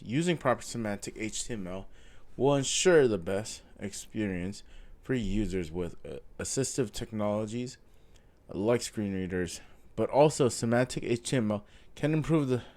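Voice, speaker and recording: With a cold clogging his nose, a man reads a coding course aloud in a lowish, darkish voice. The self-taught coding vlogger keeps it casual, thinking out loud, frequently umming and correcting himself.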